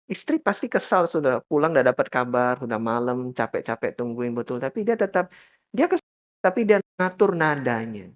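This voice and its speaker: Male pastor, lively sermon delivery with high emphatic peaks, mid-range voice. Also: a little fast, highs cut off. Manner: lively, rising to high emphatic peaks, addressing the congregation often.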